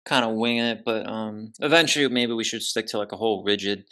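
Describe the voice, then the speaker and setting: A man's voice: lowish voice, fast, sharp tone. A young man from New Jersey hosting a podcast over a video call, chatting casually and joking with plenty of swearing. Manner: profane, joking, loose. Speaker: podcast host. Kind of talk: casual chat.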